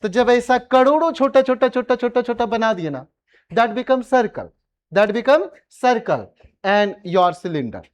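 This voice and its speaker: A man teaching a maths class, teasing and coaxing his students to answer, slipping English phrases into his talk. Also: very high-pitched. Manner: mixes English phrases into speech. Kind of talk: classroom lecture.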